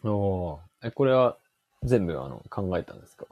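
A man co-hosting a podcast, listening and giving short, relaxed replies in casual chat. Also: deep voice, normal speed, no room sound, dull audio. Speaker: podcast co-host.

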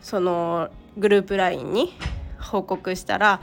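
A woman with a croaky voice, hoarse from a cold, talking casually and haltingly as the solo host of a personal podcast. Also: medium pitch, steady tone, soft background music. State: hoarse from a cold, throat-clearing.

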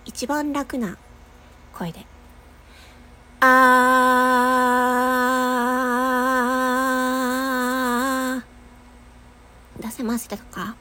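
A woman's voice: on the high side, lively intonation, measured pace, breathy edge. A young adult woman with a nasal voice, giving a casual voice lesson while chatting, laughing often and demonstrating long sustained tones. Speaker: voice-training podcaster.

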